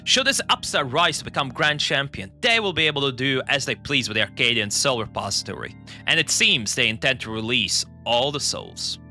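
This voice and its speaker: A man's voice: medium pitch, very animated, a little fast, sharp tone, soft background music, pitched below the performer's own voice, full character voice. Man reading a pompous arena announcer. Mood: formal.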